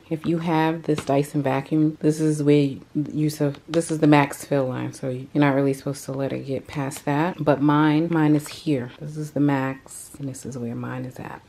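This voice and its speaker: A woman's voice: low voice, fairly even intonation, moderate pace, vocal fry, few pauses, mellow, slight background noise. A young adult woman talking to viewers while she cleans her house, a bit out of breath. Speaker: cleaning vlogger. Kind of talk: casual cleaning vlog narration. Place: at home.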